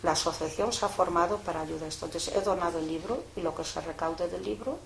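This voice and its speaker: A woman's voice: on the low side, fast talker, vocal fry. Older woman telling a story in an echoey room. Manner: colloquial, lively retelling with frequent fillers. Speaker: interviewee, mother of a prisoner. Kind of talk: casual storytelling. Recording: echoey room, faint background noise.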